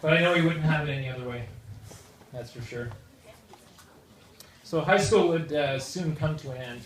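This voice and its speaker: A Canadian man giving a humorous best man wedding toast in an informal, joking, halting way. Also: fairly high pitch. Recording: echoey noisy room, far from microphone. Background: loud audience noise and laughter.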